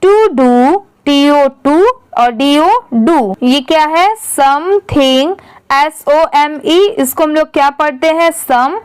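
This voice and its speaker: Slow, high-voiced woman teacher. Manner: patient, asks questions and answers them herself; reads English sentences very slowly, word by word. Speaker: English reading teacher. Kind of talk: reading lesson, spelling words letter by letter.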